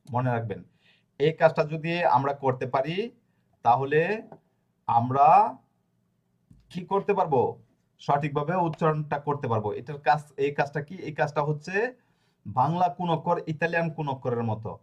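A man teaching a lesson in a spoken, unscripted way, repeating each point and filling pauses as he thinks aloud. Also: fairly high pitch, muffled recording. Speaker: language teacher.

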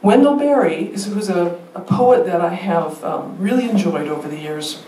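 A woman speaks from a theater stage, lively and emphatic. She asks the crowd rhetorical questions and slips in light laughter. Her voice sounds far from the mic and rings around a large roomy hall, with a faint hum underneath. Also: on the low side, moderate pace. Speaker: teacher educator giving a public talk. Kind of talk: staged public talk with slides.

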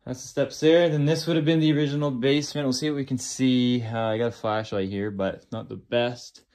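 A man's voice: mid-range voice, brisk. Casual man touring a cramped basement. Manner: relaxed, plain-spoken, thinking aloud with fillers. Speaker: real estate agent. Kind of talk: casual property walk-through. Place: cramped old stone basement. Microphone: phone camera held by the speaker, moving.

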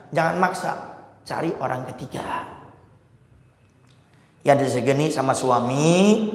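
Animated male preacher in an echoing hall. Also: fairly high pitch. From West Java, Indonesia. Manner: animated and jokey, acting out little dialogues. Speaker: preacher leading a religious study circle. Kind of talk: lively sermon. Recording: roomy hall with long reverb.

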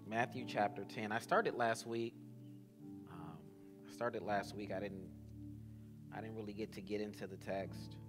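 A man's voice: fairly low pitch, fairly even intonation, music in the background. Young male pastor teaching from scripture. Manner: conversational teaching, reads scripture slowly, frequent amens. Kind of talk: teaching sermon. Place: church sanctuary, drum kit behind. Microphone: headset mic.

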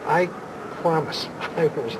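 Male infomercial host, insistent sales patter, repeats himself, slightly high voice, clear background noise. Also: slow. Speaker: infomercial host and product pitchman. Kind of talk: unscripted sales talk and demonstration. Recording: clearly noisy background ambience.

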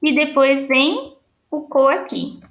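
A woman with a Brazilian accent teaching young children remotely, cheerful and encouraging, sounding out syllables slowly. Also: high-pitched, a bit bright, echoey room. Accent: Brazilian Portuguese. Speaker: primary school teacher.

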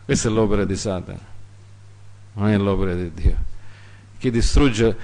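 A man preaching a sermon, repeating phrases for emphasis and swinging between loud, high exhortation and quiet, low asides. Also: moderate pace.

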